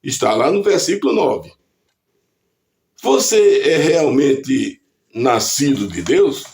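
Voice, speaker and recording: A man with a Brazilian accent delivering a scripted devotional reflection as a preacher, reading scripture aloud in a deliberate, measured way. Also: on the high side, big pitch swings, darkish tone. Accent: Brazilian Portuguese.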